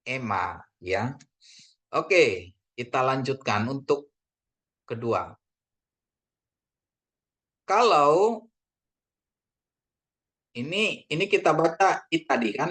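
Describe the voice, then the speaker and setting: Man teaching pronunciation, slow repeated words. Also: mid-range voice, expressive, breathy edge. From Indonesia. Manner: drawn-out repetition of words, frequent fillers; addresses listeners as ladies and gentlemen. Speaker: Greek language teacher. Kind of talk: casual classroom lesson.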